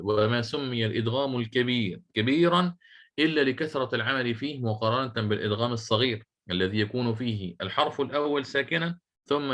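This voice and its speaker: A man's voice: medium pitch, a bit bright. Man teaching recitation rules in class. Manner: questions the students and repeats key phrases slowly; recites Quranic verses in a measured chanting tone. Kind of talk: classroom lecture on tajweed.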